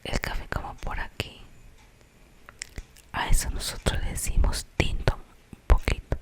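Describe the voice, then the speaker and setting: Hushed, slow Colombian whisper, suspenseful ASMR storytelling.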